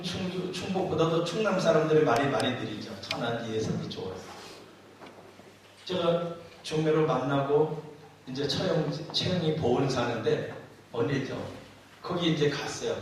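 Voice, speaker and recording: A man preaching a sermon as a pastor, telling stories with jokes and acting out bits of dialect. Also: mid-range voice. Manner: storytelling with jokes and mimicked dialect phrases. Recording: far-off voice in a very echoey church hall with faint noise.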